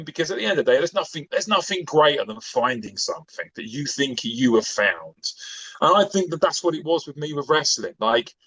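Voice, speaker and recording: A man's voice: on the high side, pushed and bright, no room sound, low-quality recording. A man in his forties chatting on a podcast as a guest, rambling and enthusiastic, with plenty of fillers. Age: 40s. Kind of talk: casual chat.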